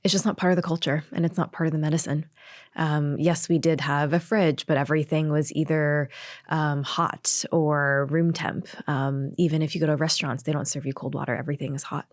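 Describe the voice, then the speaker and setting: A woman in her thirties from Hong Kong, a Chinese medicine practitioner speaking calmly and earnestly as an interview guest. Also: sits low, brisk, no room sound, clean studio sound. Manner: calm, earnest, many soft fillers. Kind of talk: conversational interview.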